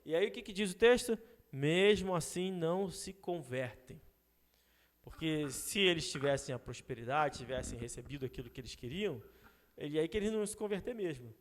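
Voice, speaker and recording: High-voiced man teaching a Bible class. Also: sing-song, quick pace, big-room sound. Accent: Brazilian Portuguese. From Brazil. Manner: conversational, frequent rhetorical "né?" asides. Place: church hall.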